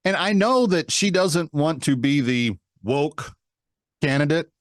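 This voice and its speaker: A man's voice: on the high side, expressive, a little slow, no echo, studio quality. A man hosting a political talk show, delivering a monologue in a mocking, emphatic way that repeats words for effect.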